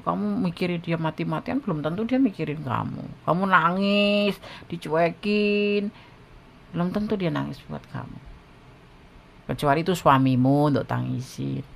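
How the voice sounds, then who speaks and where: A man with a gravelly, creaky voice talks straight to his viewers. He gives blunt, frank relationship advice in a loose, chatty monologue. A faint hiss sits under his voice. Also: mid-range voice. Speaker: tarot reader giving love advice.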